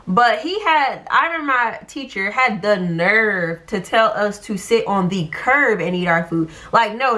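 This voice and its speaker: A young woman telling a story casually, chatty and animated, full of fillers. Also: on the high side. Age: young adult.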